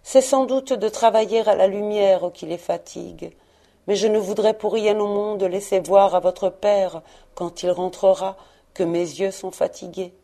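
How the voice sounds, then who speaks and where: A woman reading the lines of a tired, gentle poor mother in a storybook, soft and steady. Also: medium pitch, a little slow, lightly acted. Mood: weary.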